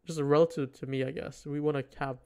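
A man's voice: a little high, steady tone, fast, a little mellow. A man giving casual live trading commentary, thinking aloud in a hesitant way. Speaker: livestream host, futures trader.

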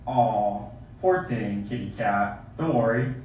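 A man with a lowish, darkish voice speaks slowly, playing a mocking, boastful schoolboy bully in an amateur puppet show. He taunts and sneers throughout. It was recorded in a theater with the camera far from the puppet stage, so the sound is distant and echoey with faint noise.

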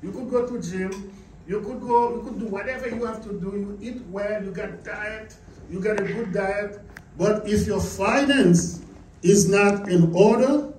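Speaking at a measured pace, a Haitian-born seminar presenter with a high, slightly mellow voice pushes motivational business points emphatically and questions the crowd. The audio comes from a distant camera, no mic in sight, in an echoey carpeted meeting room with a faint hum behind him.

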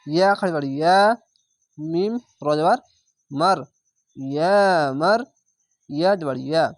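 A man teaching how to read scripture, spelling it out syllable by syllable in a patient, drawn-out way and repeating the rules. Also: fairly high pitch, no room sound, clean studio sound. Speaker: Quran reading teacher. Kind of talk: spelling-out recitation lesson.

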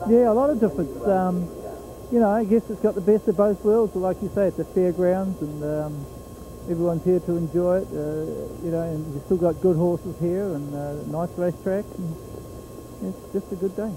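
A middle-aged man with a New Zealand accent, a horse trainer speaking in an outdoor trackside interview, plain-spoken with many pauses and fillers. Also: sits high, fairly even intonation, dark tone, slight background noise, rough recording. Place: outdoor fairground racetrack.

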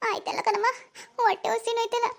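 A woman's voice: very high-pitched, little pitch movement, fast, gravelly, voice pushed up. A woman doing a whimpering pregnant young woman. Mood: pained pleading. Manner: whimpering, pleading, soft. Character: young pregnant village woman in labour pains. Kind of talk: cartoon voice acting.

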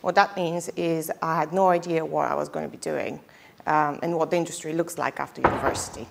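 Speaking briskly in a low, gravelly voice with a steady tone, a young woman from Bulgaria presents at a conference through a headset mic. She's in a lecture hall with a projector screen, keeping things casual with frequent ums and self-deprecating jokes.

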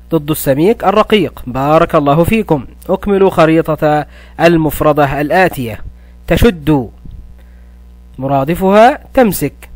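Higher-voiced male teacher, dry sound. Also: dry recording. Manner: addresses pupils as heroes, praises often, slows to spell words. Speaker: primary school Arabic teacher. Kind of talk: recorded classroom lesson.

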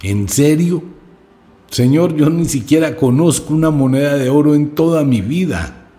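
A man's voice: fairly high pitch, animated, normal speed, dark tone, voice pushed up, natural voice. A man doing a timid young disciple.

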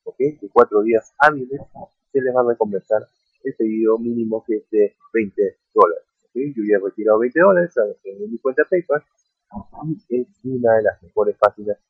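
An online earning vlogger narrates a screen-recorded tutorial from his computer, guiding viewers through a website, often asking "ok?" and addressing them as friends. His voice is fairly low and slightly rough, and the recording sounds dry and tinny, like a phone, with no room sound.

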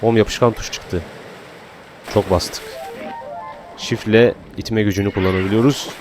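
A man giving casual gameplay commentary, calmly explaining menus and then playfully shouting at the game creatures. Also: on the low side, normal speed, music in the background. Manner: playful, talks to the game creatures in bursts of excitement; laid-back walkthrough talk between outbursts. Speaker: gaming and tech YouTuber.

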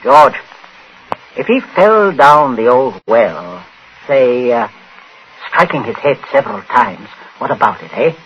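Domineering British father, swooping and sharp. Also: mid-range voice, very animated, measured pace, highs cut off. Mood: stern, controlled. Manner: commanding, clipped, interrogating. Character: domineering, irascible upper-class father and judge. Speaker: radio actor. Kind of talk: 1940s radio drama acting. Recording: noisy vintage radio recording.

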